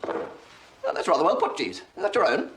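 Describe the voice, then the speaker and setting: An actor playing a genial, flustered young upper-class gentleman who talks in a dithering, hesitant way. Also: sits high, huge pitch swings, moderate pace, noisy background.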